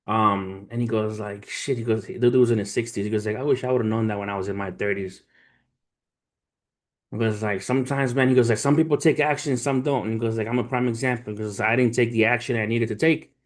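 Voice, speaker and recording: Speaking quickly in a steady, mid-range voice, a thirties-aged trader runs a casual livestream. He tells stories and motivates his viewers, treating them as family and keeping his talk informal, slangy and profane.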